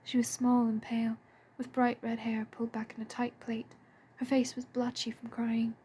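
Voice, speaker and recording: A woman reading a story aloud in a soft, breathy and hushed way. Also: fairly high pitch, completely flat delivery, moderate pace, a little hiss or hum. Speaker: fan audiobook reader. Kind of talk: storybook narration.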